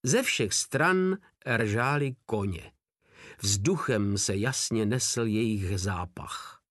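A man narrating an audiobook in a steady storytelling manner. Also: fairly low pitch, no room sound, clean studio sound.

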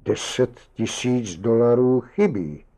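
A man's voice: medium pitch, dark tone, lightly acted. A man voicing a guilt-ridden middle-aged husband who turns agitated and outraged, in an audiobook reading.

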